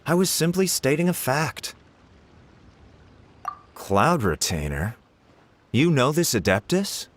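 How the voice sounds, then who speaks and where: A man's voice: a little high, very animated, slow pace, long pauses, slight background noise. An actor playing a proud, stubborn male scholar in an anime-style game, speaking in a pompous, condescending and formal way. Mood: haughty.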